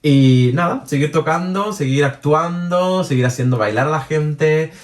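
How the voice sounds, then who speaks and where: A Chilean man speaking as an interview guest, chatting casually and lively, with many restarts and laughs. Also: on the high side, measured pace, distant mic. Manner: animated, many restarts and fillers, laughs easily. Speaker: interview guest, drag performer and DJ. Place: room with a jacuzzi.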